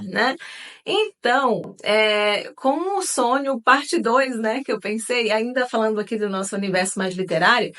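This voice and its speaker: A woman's voice: a little high, a bit bright. A woman hosting her own book channel, chatting casually with viewers and using lots of fillers. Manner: chatty, many fillers, addresses viewers as "gente".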